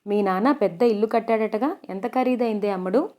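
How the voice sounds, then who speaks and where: A woman's voice: mid-range voice, brisk, dark tone, close to an everyday voice. A woman voicing a nosy, blunt older village woman. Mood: prying. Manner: prying, tactless, teasing.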